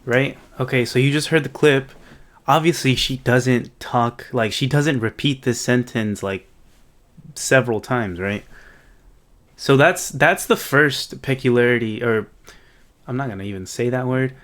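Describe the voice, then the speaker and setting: Unhurried and fairly bright in tone, a man with a medium-pitched voice hosts an informal coding video. He reasons out loud as he goes, regularly pausing to check in with his audience in this loose tech walkthrough.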